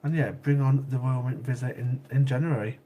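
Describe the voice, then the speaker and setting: With a warm, medium-pitched voice and fairly even intonation, this man talks a little fast as he hosts a casual livestream and chats with viewers. Slight background noise can be heard. Sniffly from a cold, he laughs easily and keeps repeating himself.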